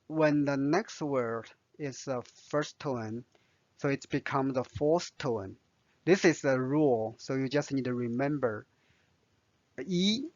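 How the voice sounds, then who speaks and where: A man's voice: medium pitch, no room sound, dull audio. A man with a Chinese accent teaching vocabulary, patiently spelling out each word and its tone. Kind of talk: slow vocabulary lesson.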